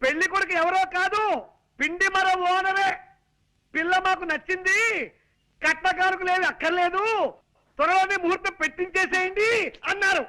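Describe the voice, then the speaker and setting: A high-voiced scheming comic suitor. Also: male voice, brisk, long pauses, sharp tone, poor audio. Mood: wheedling. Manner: exaggerated, wheedling, theatrical comic delivery. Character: scheming young male suitor, comic and fast-talking. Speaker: comic hero. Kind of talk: 1980s film comedy dialogue.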